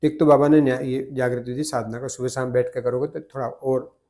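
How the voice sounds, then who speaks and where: An older man, a guest in a conversation, remembers the past in a measured, reflective way and often corrects himself mid-sentence. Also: mid-range voice, fairly even intonation, dark tone. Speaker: interview guest. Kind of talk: reminiscing conversation.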